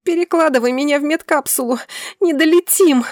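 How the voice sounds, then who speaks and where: A woman voicing a young pregnant woman in labour who scolds her husband in a shrill, agitated voice in an audiobook. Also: steady tone, moderate pace, a little mellow, no echo, clean studio sound, natural voice. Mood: frantic. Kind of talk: audiobook character voice.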